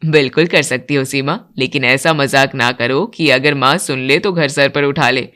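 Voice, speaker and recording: A woman voicing a dutiful young husband, lowering her voice for the man. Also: normal speed, a bit bright. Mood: mild.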